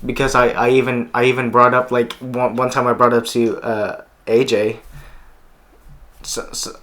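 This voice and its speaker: A man's voice: mid-range voice, little pitch movement, moderate pace, fairly bright tone. A teenage boy hosting a podcast, talking earnestly and often repeating words as he restarts. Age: teens. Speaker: podcast host. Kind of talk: casual chat.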